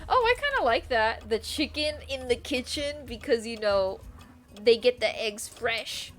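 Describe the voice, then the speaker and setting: A woman's voice: fairly high pitch, animated, measured pace, a bit bright. A young woman streaming a game, chatting casually and rambling, with frequent giggles and casual swearing. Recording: faint music behind.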